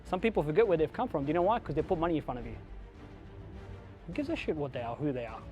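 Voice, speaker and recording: A man's voice: on the high side, sing-song, fast, a little mellow, faint music behind. A man with an Australian accent giving a blunt, profane motivational talk to an audience, barking emphatic commands. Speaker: keynote speaker.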